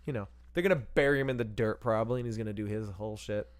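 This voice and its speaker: A man's voice: on the low side, rapid-fire, smooth. A man co-hosting a podcast, chatting casually and profanely about a movie, rambling and laughing as he acts out bits. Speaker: podcast co-host. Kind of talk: casual movie review chat.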